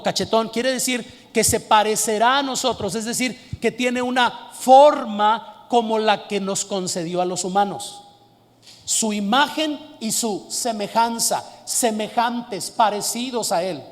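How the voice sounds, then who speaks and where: A man preaching a sermon earnestly, repeating key words slowly for emphasis. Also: sits high, in a large hall.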